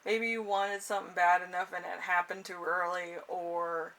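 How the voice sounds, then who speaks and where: A woman who hosts a channel and reads tarot gives a casual, improvised horoscope reading, rambling and hesitant, trailing off with frequent chuckles. Her voice is fairly low and fairly bright, with a flat delivery at a moderate pace. It's recorded in a noisy room on a distant microphone.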